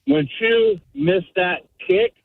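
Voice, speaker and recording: A man calling in to a talk show from his car on speakerphone, talking casually with halting starts. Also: very high-pitched, wildly swooping pitch, vocal fry, dry recording. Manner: halting, restarts often. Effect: phone on speaker in a car. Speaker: caller. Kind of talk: casual call-in chat. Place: driving in a car. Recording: tinny speakerphone line.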